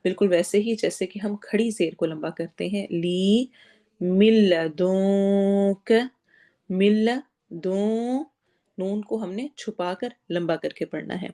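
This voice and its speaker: A woman teaches Quran recitation in a calm, step-by-step way. Her voice is dark and mellow, and her pitch sits in the middle range. She slows right down and stretches each word when she demonstrates it. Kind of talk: recitation lesson with explanation.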